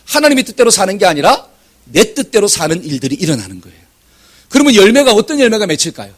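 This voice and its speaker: A man preaches a Sunday sermon in a high, lively voice that swoops across a wide range. His tone is slightly husky and breathy. He keeps asking his congregation questions and breaks into shouted examples. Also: fast. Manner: asks the congregation questions and leads scripture reading. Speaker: pastor. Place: church sanctuary.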